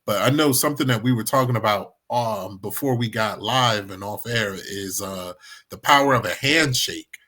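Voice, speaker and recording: A man hosting a podcast, talking in a relaxed, slightly hesitant way. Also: fairly low pitch, normal speed. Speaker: podcast host. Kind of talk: casual interview chat.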